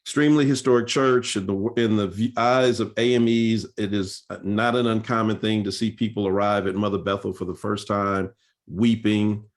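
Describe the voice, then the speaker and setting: A man's voice: lowish voice, fairly even intonation, normal speed. A male pastor speaking at a seminar, telling church history in an earnest, storytelling way with frequent fillers and restarts.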